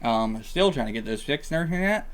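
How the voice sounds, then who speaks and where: Male vlog host, mid pitch, numb-mouthed slightly impeded speech, casual and apologetic. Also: animated, quick pace. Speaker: host of a reaction channel. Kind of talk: casual chat to viewers.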